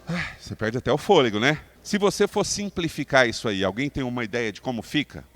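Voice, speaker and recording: A man with a Brazilian Portuguese accent teaching leaders public speaking to a live audience, emphatic and animated, asking the room questions. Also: medium pitch, a little fast, slight background noise. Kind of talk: live talk to a seated audience.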